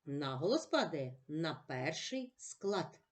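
A woman teacher giving a slow, clear reading lesson to children, stressing each word carefully. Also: deep voice, big pitch swings.

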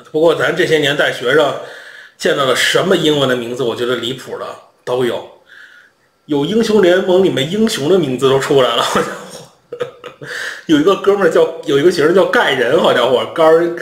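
Male vlog host, animated humorous storyteller, echoey room. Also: on the high side, brisk. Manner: chatty, animated, humorous anecdotes. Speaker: international education channel host.

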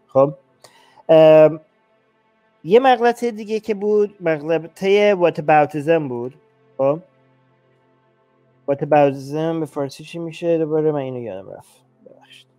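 Guy hosting a chat, bit high voice, keeps restarting and going "okay?", dry sound with faint music behind. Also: a little mellow, dry recording. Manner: hesitant, frequent restarts and "okay?" check-ins. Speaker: host of a talk show. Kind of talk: casual explanatory talk on logical fallacies.

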